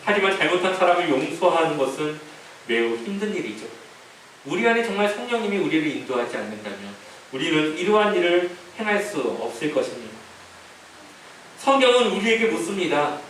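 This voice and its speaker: Pastor, male, high lively delivery, storytelling sermon, distant mic in a very echoey sanctuary. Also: fairly quick. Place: church sanctuary. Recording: echoey hall from far off, faint hiss.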